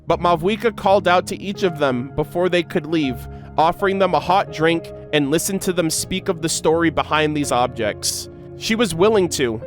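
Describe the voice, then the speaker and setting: Here a fairly high-pitched man livestreams his take on game lore, voicing the story text and tossing in casual, expressive remarks peppered with slang.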